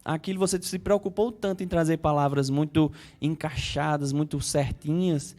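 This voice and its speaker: Soft music plays behind a psychologist guest with a Brazilian Portuguese accent as he explains things in a conversational interview. His voice is a little high and slightly mellow, with fairly even intonation at a moderate pace, and he often repeats words while thinking and acts out inner thoughts.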